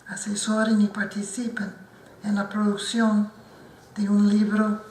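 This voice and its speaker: At a book launch in an institute's lecture hall, an older woman who is not a native Spanish speaker offers formal comments, speaking slowly and carefully and frequently restarting. Her voice is mid-range with a darkish tone, captured from a distance in the roomy hall with slight background noise.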